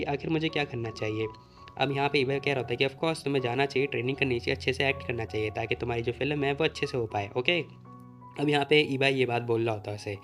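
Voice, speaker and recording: A man's voice: mid-range voice, fairly bright tone. A man narrating a casual recap of a comic story, retelling the plot and quoting the characters' lines in his own voice.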